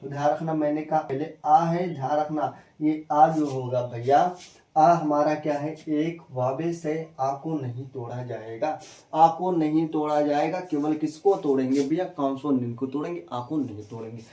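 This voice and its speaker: A man teaching a spelling lesson in a fairly high, mellow voice. He repeats each step and keeps quizzing his viewers with quick questions. His voice sounds echoey and a little far from the mic. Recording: echoey room, voice from a distance.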